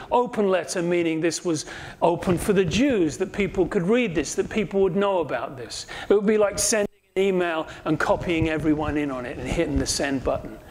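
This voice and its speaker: A man teaching through a Bible passage verse by verse, acting out the voices of the people in the story as he goes. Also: fairly high pitch. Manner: animated, acts out voices of enemies and Nehemiah.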